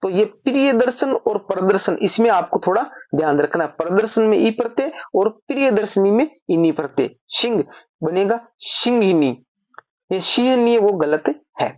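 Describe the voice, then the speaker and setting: A woman's voice: mid-range voice, expressive, normal speed, darkish tone, no room sound. A woman teaching Hindi grammar, explaining patiently step by step and often posing a question before answering it herself. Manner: repeats points as questions and answers them herself. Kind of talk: explanatory lesson.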